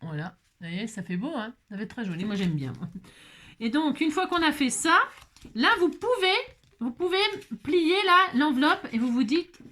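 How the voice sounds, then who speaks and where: A woman's voice: high voice, lively intonation, normal speed, bright, forceful tone. A middle-aged woman hosting a casual craft tutorial, chatty and jokey, talking to herself as she folds. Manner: chatty, jokey, talks to herself while folding. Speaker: crafting video host.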